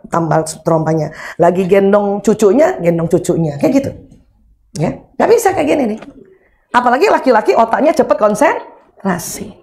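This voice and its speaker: Her voice a little high, a middle-aged woman gives an animated, humorous religious talk about marriage and raising children, playing out ordinary scenes as she goes.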